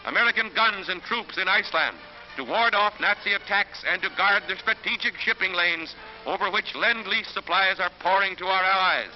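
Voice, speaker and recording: A man's voice: high voice, moderate pace. A man giving dramatic, emphatic 1940s narration on an old newsreel soundtrack. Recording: dull lo-fi 1940s film soundtrack with music.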